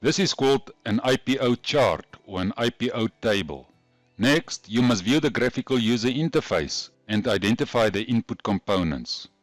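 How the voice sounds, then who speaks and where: A man's voice: medium pitch, lively intonation, normal speed, no room sound, soft background music. A man with a broad Afrikaans South African accent, narrating a scripted programming lesson in a methodical, instructional way. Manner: methodical, instructional, carefully explained. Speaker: programming tutorial host.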